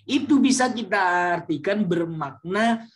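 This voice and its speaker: A man teaching a class, explaining slowly with many fillers and sometimes acting out example words loudly. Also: sits high, expressive. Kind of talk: classroom lecture.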